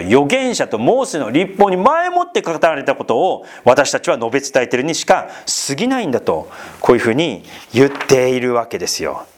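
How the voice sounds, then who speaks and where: A man preaching an expository Bible sermon, talking to his listeners with questions and asides. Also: on the high side. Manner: lively, rising and falling delivery with asides to listeners. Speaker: pastor.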